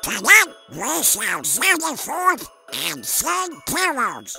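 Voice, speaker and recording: Casting: very high, squawky male cartoon duck, pompous and stubborn, drawn-out garbled delivery. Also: wildly swooping pitch, creaky, pushed and bright, full character voice. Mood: grandiose, gushing. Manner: grandiose, bossy speechifying. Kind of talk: comic dub cartoon acting. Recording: music behind the voice.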